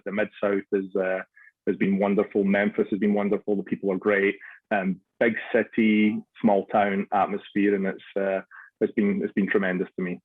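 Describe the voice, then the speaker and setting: A man's voice: fairly low pitch, no room sound, narrow, tinny audio. A Scottish man in his forties, a soccer club director, answering radio interview questions with many restarts and fillers. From Scotland.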